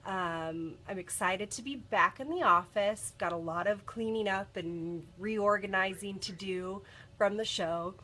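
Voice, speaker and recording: A woman in her thirties hosts a casual live stream for a bead shop from a cluttered indoor office workroom, chatty and full of ums and restarts. A bit congested from a cold, she speaks unhurriedly in a bright, forceful, mid-range voice.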